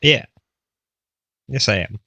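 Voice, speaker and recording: A man's voice: slow, sharp tone, dry recording. A man playing a paladin at a tabletop game, hesitant and checking his notes. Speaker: player.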